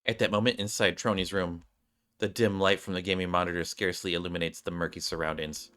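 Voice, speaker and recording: A gaming streamer with a fairly low but bright voice reads game cutscenes aloud like a narrator, at a quick pace with fairly even intonation and a clean tone. He tosses in casual asides, rereads lines he stumbles on, and game music plays behind him.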